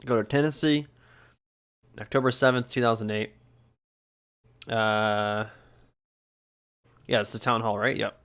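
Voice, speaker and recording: A man's voice: on the low side, steady tone, a little slow, pauses often, fairly bright tone, clear, resonant tone. Rambling casual male streamer. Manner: rambling, lots of fillers and restarts. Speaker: streamer host. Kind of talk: casual reaction commentary.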